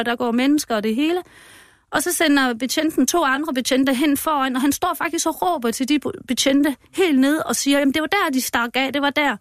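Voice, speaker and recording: A woman with a high voice tells her story as an interview guest, recorded dry and close. She is plainly moved and speaks haltingly, often breaking off and starting her sentences again. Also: dry recording. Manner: halting and emotional, many restarts. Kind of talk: personal account in a podcast interview.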